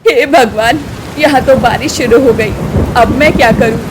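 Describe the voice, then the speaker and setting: A woman voicing a meek, gentle old mother-in-law in a storybook tale, speaking softly and pleadingly. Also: fairly high pitch, normal speed, very noisy, natural voice. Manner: soft, pleading.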